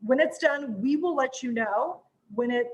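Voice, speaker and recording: A woman host giving a casual promotional chat in an informal, excitable, chatty manner. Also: sits high, measured pace.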